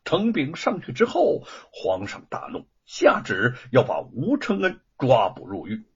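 A man narrating a novel as an expressive storyteller. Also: unhurried, slightly rough. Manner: expressive storytelling with swooping pitch. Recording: dull lo-fi recording.

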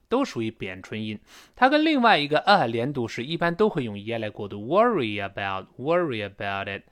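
A man teaching English pronunciation in a recorded lesson, explaining and modeling phrases slowly and repeatedly. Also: on the high side. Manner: explains in a lively, rising-and-falling teacherly voice.

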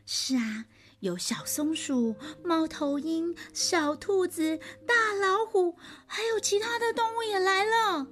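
Woman storyteller for little kids, high and animated, unhurried. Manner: animated, gentle, addresses the child warmly. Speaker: storyteller for children. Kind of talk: children's story reading.

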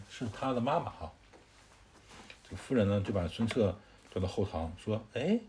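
A man telling a classic tale to a child in a casual, conversational way, adding explanatory asides and filling pauses with "er". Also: on the low side, dark tone, a little hiss or hum. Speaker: storyteller.

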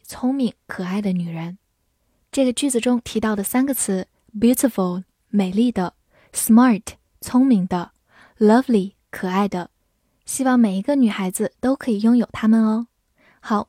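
A woman teaching English vocabulary in a scripted lesson, spelling words letter by letter and reading example sentences slowly. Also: fairly high pitch, mellow, no room sound, clean studio sound.

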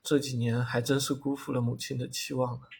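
A composed fifteen-year-old boy, calm and quietly resigned beyond his years, as a male audiobook narrator reads him. The voice is gravelly and husky, with a middle-range pitch. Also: brisk. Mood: rueful.

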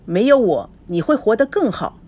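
A woman's voice: low-pitched, animated, brisk, a little mellow. A woman voicing a hurt young wife who speaks coldly and curtly. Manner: cold, curt.

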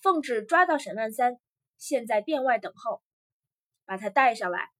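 A man's voice: very high-pitched, lively intonation, moderate pace, sharp tone, heavily acted. A woman voicing a bossy, brusque male palace official who barks orders, in a storybook tale.

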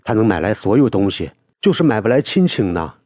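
A deep-voiced man reading a novel aloud, voicing a young man who is choked with tears and speaks in halting, broken phrases. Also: big pitch swings, warm tone, no room sound. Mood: tearful. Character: young man, weeping, torn up over family.

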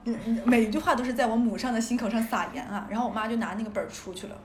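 A woman from northeast China hosting a podcast, telling childhood stories in a casual, animated way and laughing often. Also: a little high, racing, slight background noise. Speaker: podcast host. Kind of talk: casual storytelling chat. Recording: roomy echo.

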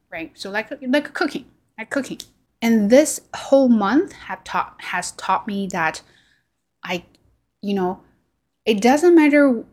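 With a medium-pitched voice, a woman vlogs about language learning, speaking earnestly to camera in a casual reflective monologue. Her first language is Chinese and her accent shows it; she restarts sentences often and leans on "like" and "right?"

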